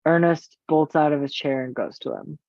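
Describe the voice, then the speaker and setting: A man reads the stage directions in an even, matter-of-fact way. His voice comes over a tinny, phone-like line. The sound is dry, with no room around it. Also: fairly high pitch, normal speed, creaky, no room sound. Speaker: narrator.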